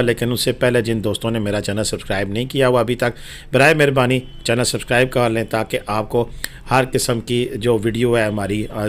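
A man's voice: medium pitch, a little hiss or hum. A man narrating a travel and weather update as a voice-over, chatty and informal, with frequent fillers.

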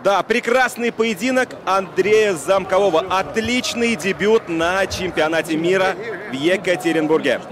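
A man's voice: sits high, moderate pace. A man giving live sports commentary on boxing. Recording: crowd noise behind commentary mic. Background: arena crowd.

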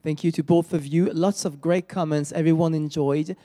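A man presenting an upcoming exhibition and reading out audience questions in a formal, measured way. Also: fairly high pitch, steady tone, warm tone.

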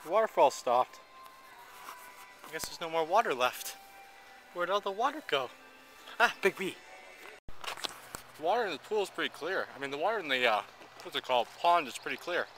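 A man's voice: fairly high pitch, sing-song, moderate pace, long pauses, fairly bright tone, soft background music, poor audio. A young man chatting casually to a handheld camera outdoors, rambling and joking as he goes. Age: young adult. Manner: rambling, jokey. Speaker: vlogger, house painter. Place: outdoors around a wooden deck and yard. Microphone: camera held at arm's length.

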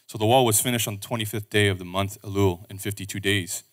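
A man reading scripture aloud at a pulpit microphone in a church service, steady and measured. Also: lowish voice.

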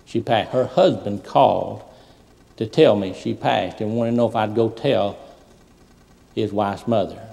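A man preaching a sermon as a pastor, telling stories and swinging from loud preaching to soft asides. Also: fairly low pitch, unhurried, vocal fry, pauses often. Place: large church sanctuary. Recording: long hall reverb.

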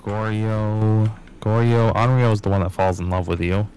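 A man with a very low, gravelly voice, chatting casually over a headset while gaming with friends. He works through clues out loud, often dropping into a quiet murmur. Faint background hiss sits under his voice. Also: flat delivery, moderate pace. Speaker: gamer playing a ghost-hunting game.

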